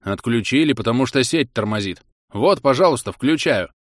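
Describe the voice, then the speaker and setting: A man's voice: medium pitch, lively intonation, normal speed, dry recording, clean studio sound, lightly acted. A man voicing an officious, frightened male technician who speaks indignantly and sticks to the rules. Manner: indignant, rule-bound.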